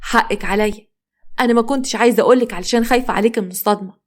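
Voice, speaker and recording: A woman's voice: a little high, rapid-fire, lightly acted. A woman reading a worried Egyptian neighbor. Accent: Egyptian Arabic. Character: troubled neighbor woman, conscience-stricken.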